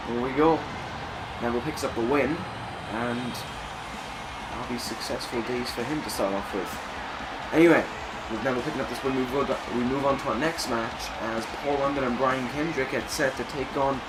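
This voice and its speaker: A man's voice: mid-range voice, moderate pace, heavy background noise. A man doing wrestling commentary on a video game in a conversational, self-correcting way.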